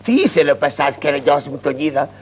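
Man doing a fussy nervous puppet sidekick, fretful, high husky voice. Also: lively intonation. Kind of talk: Greek shadow-puppet theatre. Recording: dull lo-fi recording with faint music.

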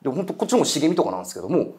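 A man's voice: a little high, big pitch swings, racing, darkish tone. A man telling a ghost story in casual chat, acting out quoted voices and eerie murmurs. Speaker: guest storyteller.

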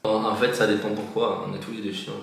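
A man's voice: level tone, fast, gravelly. A man in his twenties, a guest on his sister's vlog, bantering and joking, his voice swamped in heavy room echo in a large bare house room. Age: 20s. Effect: heavy booming room echo. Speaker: host's brother, guest. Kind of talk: casual Q&A chat. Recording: very echoey house room, faint music.

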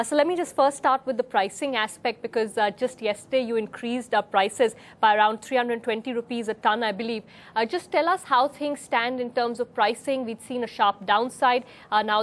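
A young woman, a business news anchor in a studio, asking polite, brisk questions with small fillers. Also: on the high side. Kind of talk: broadcast interview questions.

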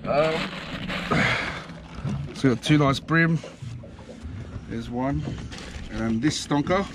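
A man, giving relaxed, chatty commentary as he fishes from a small boat, recorded on an action camera. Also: mid-range voice, slow. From Australia. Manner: relaxed, laid-back, chatty with frequent ums. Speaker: fishing vlogger host. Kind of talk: casual fishing commentary. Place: outdoors on a small boat on a harbour. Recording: outdoor wind and water noise.

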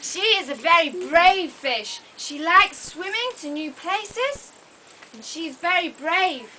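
A puppet show narrator addresses an audience of young children, her extremely high voice slow and sing-song. She tells the story in short, simple, exclamatory phrases and asks the kids questions. The setting is an open-sided thatched hall, recorded noisily by a camera microphone in the crowd.

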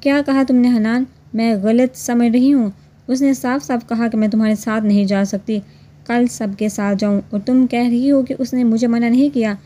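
A woman reading as a jealous, sharp-tongued young woman. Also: medium pitch, steady tone, normal speed, close to an everyday voice. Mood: angry, sulky. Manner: haughty, scolding.

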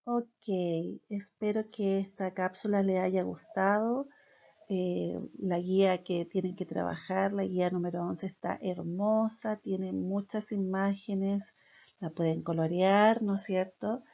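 Slow, gravelly woman teaching children. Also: mid-range voice, steady tone, lo-fi sound. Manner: reads each phrase then translates, gentle and caring. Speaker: English teacher. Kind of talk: slow bilingual lesson for children.

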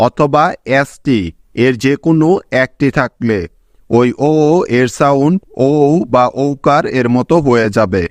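A man with a Bangladeshi accent teaching a scripted phonics lesson, listing example words in an even, instructive delivery. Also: medium pitch, no room sound, studio quality. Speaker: English teacher.

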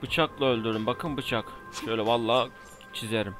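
A man's voice: mid-range voice, steady tone, fairly quick, fairly bright tone. Exasperated young man narrating gameplay. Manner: exasperated, talks back at enemies, exclaims often. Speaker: gamer. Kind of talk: casual let's play commentary. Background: faint game music.

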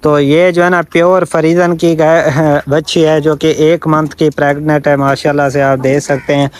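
Filming himself outdoors with a phone at arm's length, a cattle seller in his 20s hosts a sales vlog from an open-air farm yard. His fairly high voice has a flat delivery at a moderate pace, with a little hiss or hum in the audio. Repetitive filler phrases crop up again and again.

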